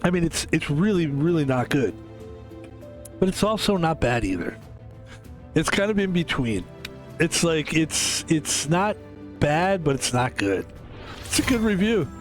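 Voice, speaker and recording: Young male streamer from Philadelphia, slightly high voice, casual rambling chatter. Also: sing-song, unhurried, pauses often, faint music behind. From Philadelphia, USA. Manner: rambling, self-interrupting storyteller. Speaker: game streamer.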